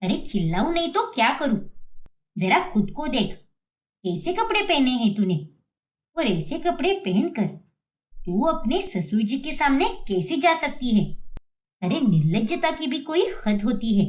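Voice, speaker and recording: A woman's voice: high voice, big pitch swings, unhurried. A woman voicing a strict, wealthy mother-in-law who lectures and scolds her daughters-in-law in a cartoon story. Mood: scolding. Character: strict wealthy middle-aged mother-in-law, tradition-proud.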